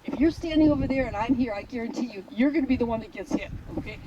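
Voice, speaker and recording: A woman herding instructor explaining a test to a class outdoors in a blunt, joking, animated way. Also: fairly high pitch, fast talker, lo-fi sound, crowd noise. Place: outdoors at a sheep field. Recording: outdoor recording with traffic noise.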